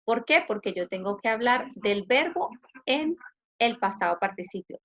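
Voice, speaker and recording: A woman's voice: on the high side, lively intonation, moderate pace, fairly bright tone. A woman with a Chilean Spanish accent, an English teacher explaining grammar patiently in an online class and asking students questions. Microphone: video call. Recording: muffled video call audio.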